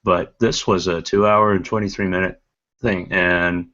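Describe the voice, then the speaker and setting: A low-voiced man talks through a casual podcast chat, circling back with restarts and fillers. His tone is bright and forceful. The audio sounds dull and lo-fi. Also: steady tone, unhurried. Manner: rambling, many restarts and fillers. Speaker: podcast co-host.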